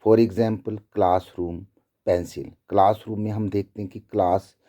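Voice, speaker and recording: A male teacher giving a slow, deliberate lecture, explaining each point with repeated examples. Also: fairly low pitch, steady tone, dark tone. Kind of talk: classroom lecture.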